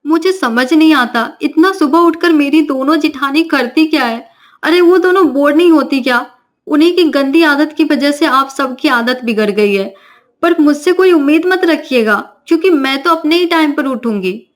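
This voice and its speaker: Lady doing a high whiny young bride voice, lazy and talks back, cartoon story. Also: normal speed, lightly acted. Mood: defiant. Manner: sulky, backtalking. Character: lazy cheeky young daughter-in-law.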